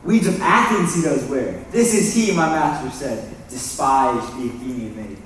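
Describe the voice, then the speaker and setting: A young man playing a mischievous male forest sprite in a school stage play, delivering rhyming verse briskly. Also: medium pitch, lively intonation, a bit bright, a little hiss or hum, close to an everyday voice. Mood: playful. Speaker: stage actor. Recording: echoey hall from far off.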